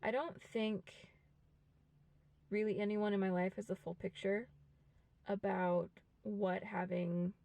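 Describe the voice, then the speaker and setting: A woman in her twenties talking frankly and reflectively to a camera, with many pauses. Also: medium pitch, little pitch movement, vocal fry, mellow, dry recording. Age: 20s. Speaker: vlogger. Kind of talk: candid personal monologue to camera. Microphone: camera mic.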